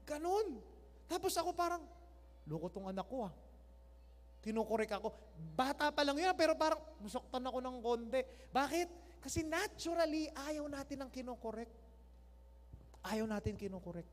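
A Filipino man in his thirties delivers a sermon in a big church hall, and his voice sits very high for a man. He preaches in a playful, animated way, acting out little scenes with voices for his wife, his child and a scolding mother. A long reverb trails his words through the room. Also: normal speed. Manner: animated, joking, acts out voices of family members. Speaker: pastor.

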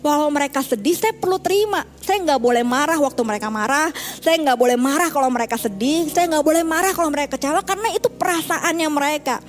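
A woman's voice: high-pitched, fast. A middle-aged woman pastor giving a sermon in a candid, conversational way, mixing in English phrases.

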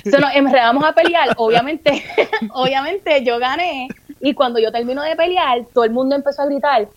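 A woman with a Puerto Rican accent, telling personal stories in a candid, animated way in a casual podcast conversation. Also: high-pitched, moderate pace, dull audio. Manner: candid, animated storytelling with playful mimicry and swearing. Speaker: guest.

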